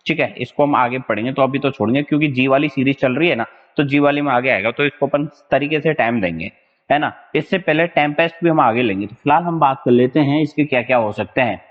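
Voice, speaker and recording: Casual young male tutor, mid-pitched, repeats a pet phrase, jokey memory tricks; echoey, muffled classroom recording. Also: fast. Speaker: exam vocabulary teacher. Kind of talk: online lesson with whiteboard.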